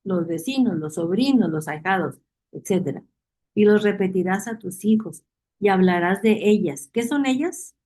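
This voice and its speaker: Woman Bible teacher, mellow warm tone, repeats points, quizzes the class. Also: medium pitch, animated, moderate pace, low-quality recording. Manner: reads verses aloud and asks the class questions; repeats key phrases for emphasis.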